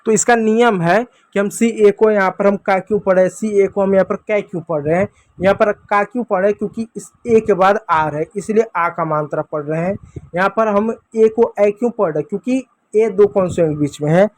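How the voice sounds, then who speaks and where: A man's voice: high-pitched, fairly quick, dry recording. A man teaching children phonics in a patient, repetitive classroom style. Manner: patient, repetitive drilling, often addresses the kids as "बच्चों". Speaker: English teacher.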